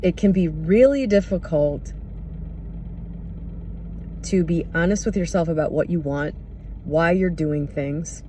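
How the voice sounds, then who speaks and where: A person thinking out loud in a casual, reflective monologue, candid and often pausing to search for words. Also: medium pitch, slight background noise. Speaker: podcast or vlog host.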